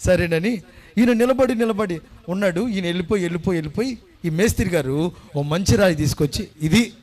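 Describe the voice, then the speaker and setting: A male pastor delivers a fervent sermon in a high-sitting voice at a slightly fast clip. He builds to loud exclamations, repeats phrases, and calls out for amens and applause.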